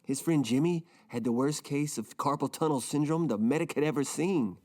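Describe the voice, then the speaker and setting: Actor as a dark-toned, deadpan, mopey rich man, audio comedy. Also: fairly high pitch, normal speed, lightly acted. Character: gloomy rich man, self-pitying and rambling.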